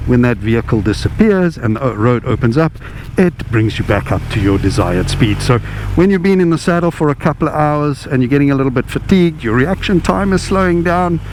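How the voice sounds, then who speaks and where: A man's voice: mid-range voice, lively intonation, brisk. A man giving a ride-and-review commentary from inside a helmet while riding, explaining things in short phrases. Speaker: motorcycle reviewer. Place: riding a motorcycle outdoors. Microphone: inside a motorcycle helmet. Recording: mic inside helmet, clear vehicle noise. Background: vehicle and road noise.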